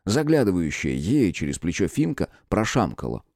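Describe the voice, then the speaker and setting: A man reading an audiobook, narrating with expressive delivery. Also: low-pitched, normal speed, no room sound, studio quality. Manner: expressive storyteller. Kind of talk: scripted narration.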